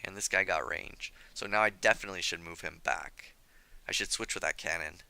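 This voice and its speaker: A slightly hoarse young man commenting on his strategy game as he plays, chatty and scolding himself for his mistakes. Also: low voice, fairly quick, sharp tone. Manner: self-critical, chatty, thinking aloud. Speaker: gameplay commentator. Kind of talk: let's play commentary.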